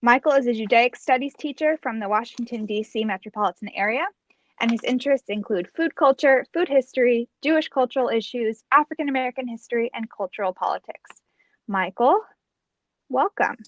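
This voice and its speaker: A woman hosting an online book event, briskly reading guest introductions over a video call. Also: fairly high pitch, no echo, dull audio. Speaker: bookstore event host.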